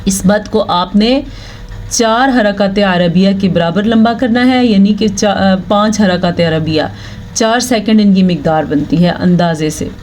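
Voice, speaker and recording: Female recitation teacher, unhurried and patient, breaks into drawn-out chanted words. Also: mid-range voice, a little mellow. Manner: explains rules patiently, then slowly chants each Arabic word; checks in with "thik hai" often. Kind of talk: slow, step-by-step tajweed lesson.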